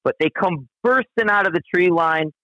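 A man's voice: high-pitched, moderate pace, dry recording. A man telling a long outdoor story in casual conversation, rambling and profane, with frequent restarts. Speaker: guest storyteller. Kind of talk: casual spoken anecdote. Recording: dull, dry lo-fi recording.

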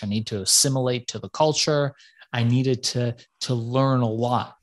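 Man from Iran, interview guest, casual and reflective, average pitch. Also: a bit bright. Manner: reflective, casual, swears now and then. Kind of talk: podcast interview.

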